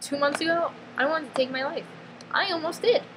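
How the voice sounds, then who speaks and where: A blunt, high-pitched woman vlogger with a New York accent, from the northeastern US near New York, delivers a confessional vlog monologue. She's emphatic and halting, restarting mid-sentence and peppering her talk with "freaking" and "like." Noticeable background ambience runs under the recording.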